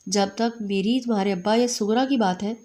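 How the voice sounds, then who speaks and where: A woman's voice: mid-range voice, darkish tone, close to an everyday voice. A woman voicing a caring middle-aged mother who is soothing but stern. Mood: gentle.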